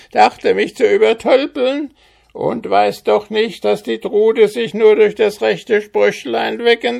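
A man's voice: sits high, gravelly, a little mellow, voice pushed up, heavily acted. A man voicing a small, spiteful male goblin with a quacking, squawky voice and a mocking, sing-song way of talking in an audiobook. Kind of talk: audiobook character voice.

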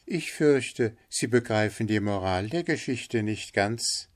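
A man voicing a calm male linnet bird in a storybook reading, mild and composed. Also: fairly low pitch, slow pace, pitched above the performer's own voice.

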